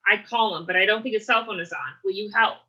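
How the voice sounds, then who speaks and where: A woman reading aloud, voicing a chirpy, lively young woman at an office desk. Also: mid-range voice, fast talker, lightly acted, rough recording. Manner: chirpy, flustered.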